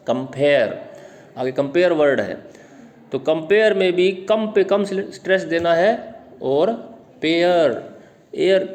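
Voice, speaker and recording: A male teacher with an Indian accent gives a classroom lecture on literature. He reads English definitions at an unhurried crawl and then explains in his own words, often quizzing his students. His voice sits fairly high for a man. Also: darkish tone.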